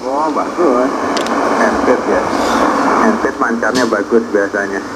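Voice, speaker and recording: A man comes through a ham radio receiver, chatting in a relaxed radio contact. His voice sits at a middle pitch and is buried in clear hiss and static, and he closes each turn with a sign-off word. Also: measured pace. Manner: ends turns with a sign-off word. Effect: heard over a ham radio receiver. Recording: noisy, staticky radio transmission.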